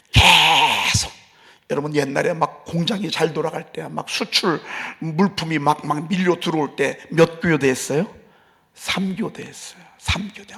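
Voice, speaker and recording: Male pastor, dramatic dawn sermon, gravelly, sanctuary echo. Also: fairly high pitch, a bit bright. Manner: dramatic, acts out voices in asides. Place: church sanctuary. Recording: long hall reverb.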